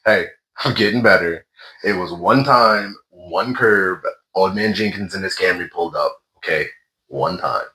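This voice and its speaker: A man telling stories in a casual gaming chat, animated and exasperated, swearing freely. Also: sits low, measured pace, low-quality recording.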